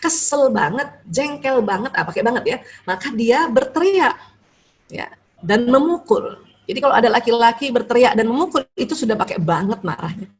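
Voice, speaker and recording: A woman's voice: a little high, animated, normal speed. A middle-aged woman lecturer giving a religious talk on marriage and family, chatty, dotting her sentences with little tags and acting out short home dialogues. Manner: conversational, frequent "ya" tags, acts out little dialogues.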